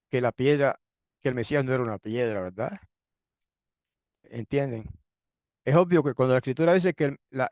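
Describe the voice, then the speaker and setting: A man teaching a sermon-style Bible lesson who often clears his throat, asks rhetorical questions and repeats points for emphasis. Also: a little high, no room sound.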